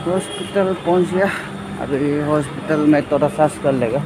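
Casual man in his thirties, slightly high voice, phone vlog on a street with loud traffic behind. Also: normal speed. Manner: relaxed, chatty, tour-guide asides to viewers. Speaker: vlogger. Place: busy city street outdoors, traffic passing. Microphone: phone held at arm's length.

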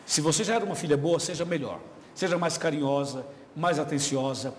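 A man's voice: fairly high pitch, a little fast. A man with a Brazilian Portuguese accent, a pastor answering viewers' questions on a live video chat in an explanatory, chatty way. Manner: warm, explanatory, chatty, laughs easily. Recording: reverberant studio with faint ambient noise.

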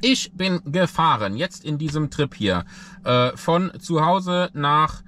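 A man's voice: on the high side, slow pace, a little hiss or hum. Chatty man vlogging from his car. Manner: chatty, relaxed, many fillers. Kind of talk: casual vlog talk to camera. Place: inside a car, driving then parked. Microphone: camera mounted on the dashboard.

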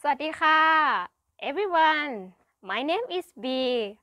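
Slow-talking woman with a Thai accent. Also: sits high, lively intonation, dry recording, muffled recording. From Thailand. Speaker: carnivorous plant grower. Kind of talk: greeting to camera. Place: plant nursery potting area.

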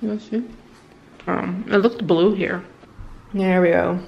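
A woman chatting excitedly in a casual vlog, saying things like "dude" and "like," first in a car and then at home. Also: lowish voice, takes it slowly, creaky, highs cut off. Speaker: vlogger. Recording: roomy with faint background ambience.

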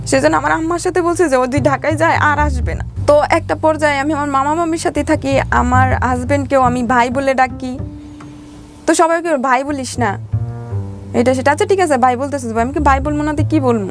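A woman with a Bangladeshi Bengali accent tells her life story as an interview guest, speaking colloquially and acting out the dialogue she remembers. Her voice is high-pitched and fairly quick, with soft music in the background.

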